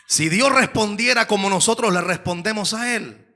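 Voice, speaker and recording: A man preaching at a high, gravelly pitch with a bright, piercing tone. He shouts his main points, drops to quiet asides between them, and keeps asking the congregation for an amen. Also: normal speed. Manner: swings between hushed asides and shouted climaxes; calls for amens from the congregation. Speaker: pastor. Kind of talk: shouted evangelical sermon.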